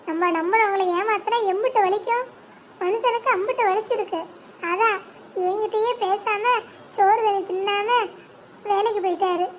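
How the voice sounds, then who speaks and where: A remorseful young wife in an animated family drama, voiced by a woman. Her voice sits very high and thin. She pleads and apologizes in long earnest appeals. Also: slight background noise.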